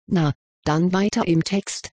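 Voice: mid-range voice, takes it slowly, a little mellow, no room sound, studio quality. A reader voicing a practical, matter-of-fact schoolgirl witch in an audiobook. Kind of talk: audiobook reading.

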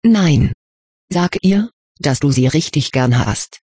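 A reader voicing a weary, sharp-tongued teenage witch girl with a croaky, grumbling manner in an audiobook. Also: mid-range voice, animated, slow pace, no echo, studio quality. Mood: gentle. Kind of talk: audiobook reading.

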